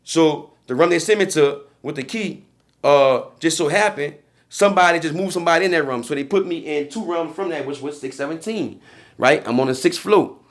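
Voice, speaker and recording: On a podcast, a young guest from a New Orleans background narrates a story at a brisk pace in a fairly high voice. His speech is loose street slang, regularly punctuated by "you feel me."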